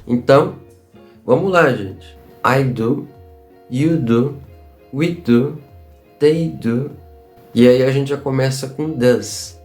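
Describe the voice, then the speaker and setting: A Brazilian man giving a casual online English lesson, upbeat and chatty, slowly repeating examples. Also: mid-range voice, a little mellow, soft background music. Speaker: English teacher.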